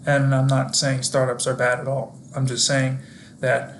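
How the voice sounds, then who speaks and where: A young man speaks straight to the viewer, presenting his work in a scripted, explanatory way. His pitch stays mid-range and quite flat, with little melody. There is a faint hiss of background noise behind him. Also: normal speed, gravelly. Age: young adult. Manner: upbeat, explanatory, addresses viewers directly.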